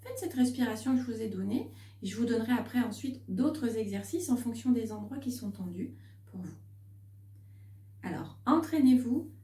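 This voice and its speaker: Relaxed woman coach in an echoey room. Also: on the high side. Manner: relaxed, thinks aloud, demonstrating on herself. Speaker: wellness coach guiding a body scan. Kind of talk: guided relaxation lesson. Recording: echoey room, voice a bit distant.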